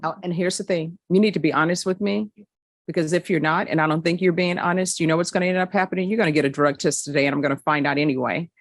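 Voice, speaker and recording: A woman's voice: on the low side, fairly even intonation, dry recording. A woman judge speaking firmly and directly at a courtroom hearing, addressing defendants. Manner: firm, measured, direct.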